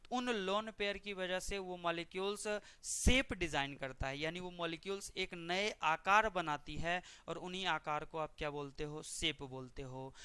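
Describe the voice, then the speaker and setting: A man's voice: sits high, pushed and bright, smooth, dry recording. A man teaching a chemistry exam-prep lesson, putting questions to his students and answering them himself.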